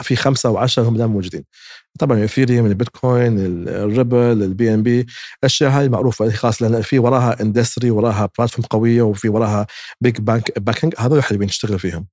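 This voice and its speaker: A man's voice: mid-range voice, a little mellow, no echo, clean studio sound. A man, a guest giving emphatic investment advice in a casual interview and acting out what other people say.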